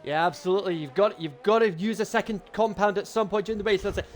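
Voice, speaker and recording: High-pitched British male motorsport commentator. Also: quick pace. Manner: exclamatory, astonished, repeats phrases for emphasis. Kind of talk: excitable live race commentary.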